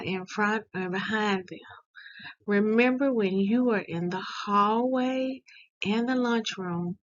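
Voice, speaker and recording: A woman, a school administrator, giving the morning school announcements in a deliberate, instructive way, heard as school announcement audio. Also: medium pitch, highs cut off.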